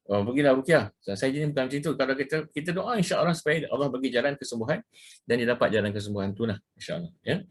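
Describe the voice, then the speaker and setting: A middle-aged man with a Malaysian Malay accent, lecturing over slides. He talks fast in a husky voice, circling back on his points and slipping English words into his speech. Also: medium pitch. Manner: casual, repetitive, mixes in English words, frequent "ya" and "ha". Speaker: ruqyah practitioner giving a talk.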